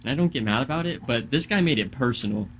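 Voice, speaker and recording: Young male podcast co-host, angry storyteller who swears a lot, mid-pitched voice, slight background hiss. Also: expressive, fast. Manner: heated, profane storytelling. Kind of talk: casual podcast chat.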